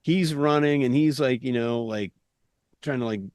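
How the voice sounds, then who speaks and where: A man talks through a film scene on a podcast, piling up fillers and restarts as he gets worked up. His voice sits at an ordinary pitch. The sound is close and dry, with no room around it. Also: moderate pace, clean tone, dry recording. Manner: rambling, lots of "like" and restarts, animated retelling. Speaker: podcast co-host. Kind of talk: casual film discussion.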